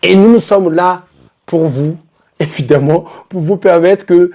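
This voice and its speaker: A man with a somewhat high voice hosts a sports betting show and plays to the camera. He throws out rhetorical questions and jumps between loud, excited bursts and quiet, knowing asides. Now and then he slips into English greetings. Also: unhurried, lo-fi sound. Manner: theatrical, swings from loud exclamations to low asides; rhetorical questions, addresses viewers directly. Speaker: host of a football betting show.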